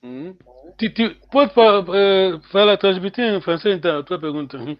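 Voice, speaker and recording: A man teaching a language class over a call, repeating words slowly and checking in with "hein" after nearly every phrase. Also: sits high, dry recording, dull audio. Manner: switches between French and Portuguese.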